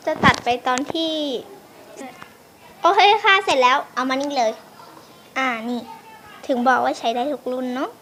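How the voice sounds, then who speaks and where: A woman hosting a casual home vlog, chatty and quick to switch between polite phrasing and blunt slang while bossing friends around off camera. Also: sits high, animated, a bit bright, a little hiss or hum. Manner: bossy toward friends off camera. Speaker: vlogger reviewing birthday gifts.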